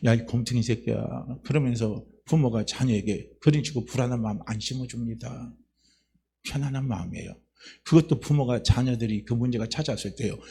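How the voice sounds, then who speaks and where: A male pastor giving a Sunday sermon in a slightly husky voice, repeating phrases and building to loud, emphatic climaxes. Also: mid-range voice, a little fast.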